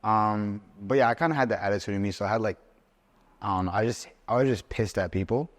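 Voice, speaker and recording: A man's voice: lowish voice, fast. A man around twenty, from Switzerland, talking as a guest in a casual podcast conversation, rambling and saying "like" a lot. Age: 20s. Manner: rambling, loose, says "like" a lot. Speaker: interview guest.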